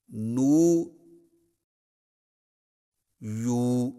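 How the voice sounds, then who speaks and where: A man teaching Quran pronunciation, explaining quickly and then drawing out each drill word slowly. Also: medium pitch. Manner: brisk explanations, then slow drawn-out drills. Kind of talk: tajweed pronunciation lesson. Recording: long hall reverb.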